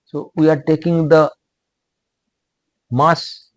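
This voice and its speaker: Male lecturer with an Indian English accent, slow and halting, slightly high voice, dry close sound. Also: level tone, no room sound. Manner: slow, halting, repeats phrases.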